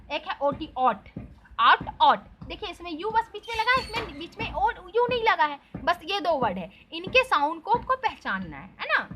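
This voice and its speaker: Woman teaching english in hindi, high bright voice, spells stuff out slow, bit of hiss behind. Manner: spells words out letter by letter, slow and patient; asks the students questions and answers them herself. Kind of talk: explaining an English lesson in Hindi.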